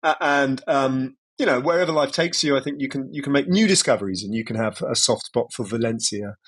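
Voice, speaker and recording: A British man, once a football commentator, gives opinionated, rambling answers as a podcast guest in a casual conversational interview. His mid-range voice is fairly quick, fairly bright and slightly rough, and he digresses often, with many restarts and "you know"s.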